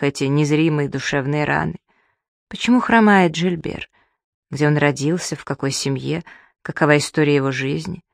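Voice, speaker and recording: Soft-voiced audiobook narrator, dry close sound. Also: female voice, deep voice, gravelly, dry recording. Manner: soft, measured, emotional reading. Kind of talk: scripted first-person narration.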